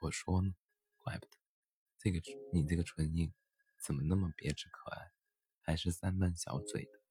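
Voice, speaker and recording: A man's voice: sits low, fairly even intonation, moderate pace, mellow, breathy edge. A man voicing a wry, teasing mother bear. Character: doting, joking mother bear.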